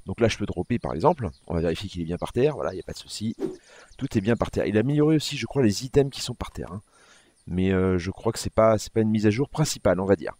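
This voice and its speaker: A man's voice: lowish voice, expressive, fast, darkish tone. A man hosting his gaming channel, talking casually through a game update and often correcting himself as he clicks through menus. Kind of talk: casual gameplay walkthrough commentary.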